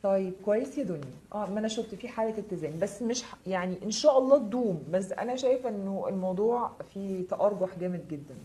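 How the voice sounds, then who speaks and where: A tarot reader with an Egyptian Arabic accent does a live reading, responding to viewers' comments with quick, direct, reassuring advice. Her voice is mid-range with a dark tone.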